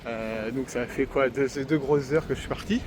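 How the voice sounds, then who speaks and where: A man's voice: medium pitch, normal speed. A French man chatting enthusiastically while walking and filming himself outdoors in a city, mocking himself and using many fillers. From France. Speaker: travel vlogger. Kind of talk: casual walking vlog. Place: outdoors in a city, street and seafront. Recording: outdoor street noise. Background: city traffic and wind.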